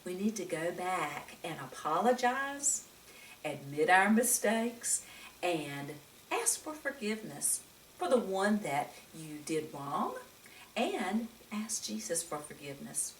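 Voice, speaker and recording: Reading a picture book aloud to young children, a woman with a fairly low voice sounds very animated and goes at a slow pace, full of exclamations and frequent questions to her listeners. There's slight background noise, and the echoey room and distant microphone leave her sounding far off.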